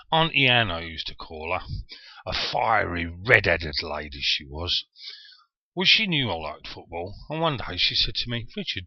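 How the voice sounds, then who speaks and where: Bloke in his 40s w a southern english accent, low voice, chatty and self-deprecating, dull dry lo-fi sound. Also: no echo. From Yorkshire, England. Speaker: vlogger. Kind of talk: casual personal storytelling.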